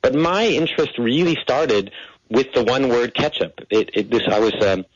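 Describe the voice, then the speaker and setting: A man's voice: mid-range voice, moderate pace. A middle-aged American man, a linguist guest on a radio interview, explaining with enthusiasm and frequent restarts. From United States. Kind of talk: interview conversation. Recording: muffled radio broadcast.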